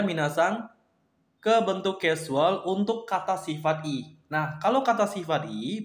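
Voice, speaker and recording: A man teaching Japanese in a casual video lesson, friendly and patient, slowing down carefully whenever he models example sentences. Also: on the high side, roomy sound.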